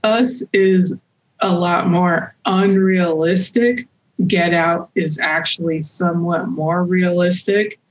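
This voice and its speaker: A woman's voice: fairly low pitch, fairly even intonation, slow pace. A woman co-hosting a podcast in casual chat, with a matter-of-fact, explaining manner. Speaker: podcast co-host.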